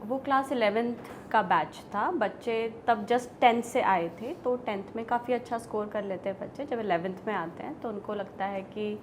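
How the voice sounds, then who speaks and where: A woman teacher telling classroom stories in a relaxed conversational way, mixing Hindi and English and laughing often. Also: mid-range voice, moderate pace, hardly any pauses, background noise. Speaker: zoology teacher. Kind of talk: conversational storytelling.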